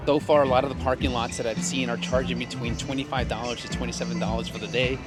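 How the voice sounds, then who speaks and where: A man's voice: mid-range voice, flat delivery, fast talker. A man talking casually to camera as a vlogger, recorded outdoors at a city event. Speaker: vlogger and photographer. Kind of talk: casual vlog talk to camera. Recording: loud music behind, outdoor urban noise.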